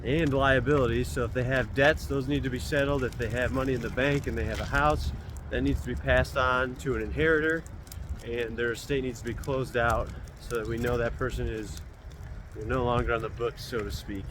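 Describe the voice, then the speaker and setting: A man's voice: mid-range voice, steady tone, a little fast. A man talking casually and explaining things to viewers while out walking, in the manner of a real estate agent's vlog. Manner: conversational, explanatory, speaking while out on a walk. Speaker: real estate agent hosting a weekly video. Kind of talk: casual informal talk to camera while walking. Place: outdoors on a walk. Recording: outdoor street noise with passing cars. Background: cars and outdoor ambience.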